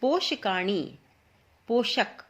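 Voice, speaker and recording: A woman's voice: fairly high pitch, animated, very slow. A woman teacher explaining a school lesson, patiently repeating each word for students to say after her.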